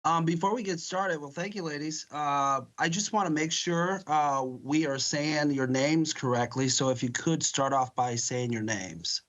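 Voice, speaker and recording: A man's voice: fairly high pitch, measured pace, few pauses, fairly bright tone, lo-fi sound. An American man, a local television reporter, putting questions in a broadcast interview.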